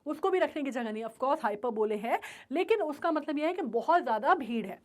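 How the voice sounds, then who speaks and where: A high-pitched woman teacher walks through a story chapter, mixing English terms into her explanations. She keeps checking whether her listeners are following. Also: expressive, a little fast. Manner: explains with frequent check-in questions; mixes Hindi and English terms.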